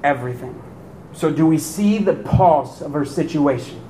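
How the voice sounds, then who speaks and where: Animated man preaching in an echoey church. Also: normal speed. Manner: animated preaching, rhetorical questions to the congregation. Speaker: pastor. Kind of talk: sermon. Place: church sanctuary. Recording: echoey room with faint rumble.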